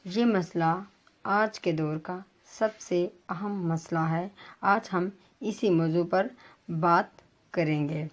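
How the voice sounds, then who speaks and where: A woman teacher giving a pronunciation lesson to students, reading words slowly and spelling out their vowel marks with frequent hesitations. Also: lowish voice. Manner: careful, formal delivery with frequent hesitations. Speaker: Urdu teacher.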